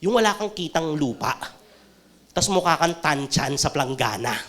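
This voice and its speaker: Filipino male pastor, high lively voice with wide swings, comic and fervent sermon delivery. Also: normal speed. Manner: animated, jokey preaching that swings between loud outbursts and quiet talk.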